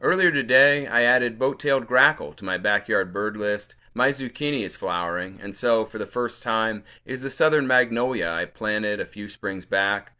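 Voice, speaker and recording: A middle-aged man reading his poems aloud in a measured voice, with hesitant, filler-heavy remarks between poems. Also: fairly low pitch, pushed and bright, clean tone. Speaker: featured poet. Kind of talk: poetry reading.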